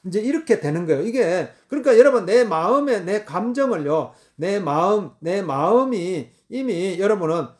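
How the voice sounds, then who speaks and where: High-voiced man preaching emphatically. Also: very animated, moderate pace, few pauses, darkish tone. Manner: repetitive, emphatic preaching with many fillers. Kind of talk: sermon.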